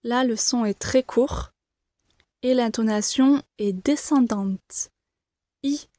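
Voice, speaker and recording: A woman teaching the alphabet to beginners, saying each letter slowly and clearly, repeating it and reassuring learners. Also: fairly high pitch, dark tone, no room sound, clean studio sound. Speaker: French teacher. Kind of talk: slow, careful pronunciation lesson.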